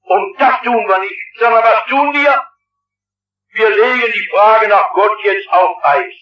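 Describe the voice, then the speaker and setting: Impassioned high-voiced preaching pastor. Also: male voice, sharp tone. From partly Swabian. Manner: impassioned preaching, often crying out. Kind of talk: sermon. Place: large hall with audience. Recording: old roomy, muffled, distant hall recording.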